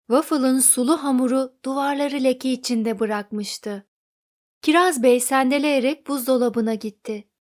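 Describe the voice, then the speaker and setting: A woman narrating a children's storybook in an expressive read-aloud manner. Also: high-pitched.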